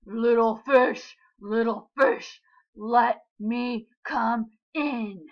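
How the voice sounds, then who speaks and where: A woman voicing a menacing, hungry big bad shark, booming slow drawn-out threats in a storybook reading. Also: lo-fi sound.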